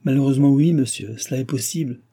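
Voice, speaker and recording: A man voicing an excitable, tearful young noblewoman who talks in an insistent way. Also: mid-range voice, moderate pace, breathy edge, close to an everyday voice. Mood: upset.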